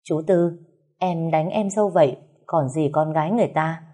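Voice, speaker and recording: A woman's voice: sits low, normal speed, warm tone. A woman voicing a reproachful elder in-law.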